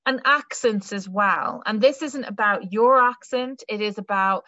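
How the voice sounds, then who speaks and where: Over a video call, a young Irish careers adviser talks conversationally, with frequent fillers and restarts. She speaks unhurriedly in a sharp-toned, mid-range voice with no room sound. Her webcam or laptop mic produces slightly dull lo-fi audio.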